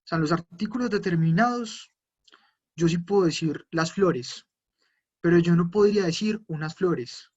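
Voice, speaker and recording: A man's voice: high voice, moderate pace, breathy edge, highs cut off. A man teaching German in a live online class, explaining patiently and answering viewers' questions. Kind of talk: live online language lesson.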